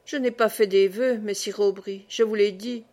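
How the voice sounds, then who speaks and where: A woman's voice: mid-range voice, steady tone, normal speed, mellow, natural voice. A woman voicing a jovial, talkative lay brother and former soldier who chuckles and rambles through his stories.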